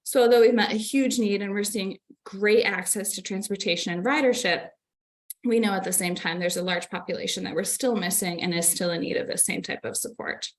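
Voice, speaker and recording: A woman's voice: mid-range voice, fairly quick. A woman giving a presentation in an online meeting, a little out of breath, explaining in an earnest way.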